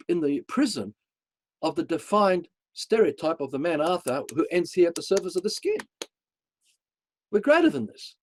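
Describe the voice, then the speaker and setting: Emphatic Australian man telling a story. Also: dry recording. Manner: emphatic, blunt, swearing, swings between excited highs and hushed lows. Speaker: show host. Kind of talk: personal storytelling and spiritual talk.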